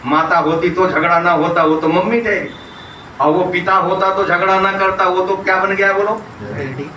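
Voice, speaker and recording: Male preacher, from Uttar Pradesh, sermon, rhetorical questions, moral stories, high voice, distant mic. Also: normal speed, bright, forceful tone, a little hiss or hum. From Uttar Pradesh, India. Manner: asks the crowd rhetorical questions and answers them himself; tells everyday stories to make moral points. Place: religious hall. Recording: echoey hall, distant mic.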